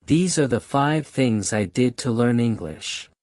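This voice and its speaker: A native Cantonese speaker with a Hong Kong accent hosts a channel, giving his viewers motivational language advice to camera, emphatic and repeating key phrases. His medium-pitched voice has lively intonation and a darkish tone at a measured pace, recorded dry with clean studio sound.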